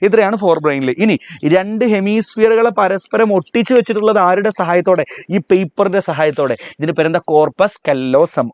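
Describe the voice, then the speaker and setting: A man teaching a live online biology revision class with a Malayali accent, calling on students to repeat terms aloud and spelling key words out slowly. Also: on the high side, no room sound, highs cut off.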